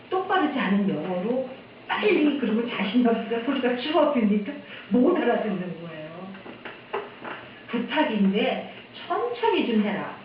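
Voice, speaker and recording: A woman's voice: medium pitch, a little hiss or hum. Korean woman missionary speaking in an echoey church. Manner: candid, chatty storytelling. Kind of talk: testimony talk at a church service. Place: church sanctuary. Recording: echoey hall, distant dull mic.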